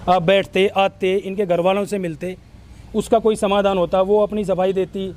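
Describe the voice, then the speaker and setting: A villager from Haryana, India, gives on-camera testimony to local news in a high, darkish voice with a level tone and moderate pace. His account is earnest and explanatory.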